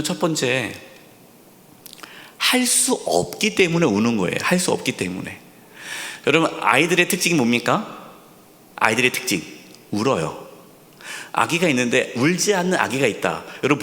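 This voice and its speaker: A male senior pastor preaching a sermon, asking rhetorical questions, repeating key words, and dropping to a soft near-whisper for emphasis. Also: medium pitch. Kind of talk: sermon at a Friday prayer service. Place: church sanctuary. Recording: long hall reverb in a church sanctuary.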